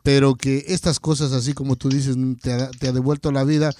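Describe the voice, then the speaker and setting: A man hosting a radio interview, encouraging and halting with many fillers. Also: medium pitch, little pitch movement, darkish tone, a little hiss or hum. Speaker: radio show host. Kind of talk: casual interview chat.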